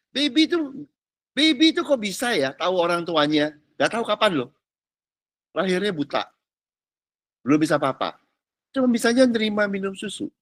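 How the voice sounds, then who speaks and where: A man preaching a casual teaching sermon as a pastor. He talks in lively colloquial bursts and keeps checking whether listeners follow. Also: very high-pitched, no echo. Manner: animated, colloquial, peppered with English words and "ngerti nggak?".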